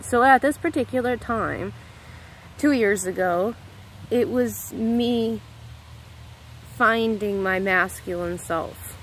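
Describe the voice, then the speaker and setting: A woman's voice: mid-range voice, a bit bright, slight background noise, rough recording. An American woman in her thirties giving a casual spiritual monologue to camera, rambling into tangents and correcting herself as she goes. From United States. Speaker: spiritual vlogger.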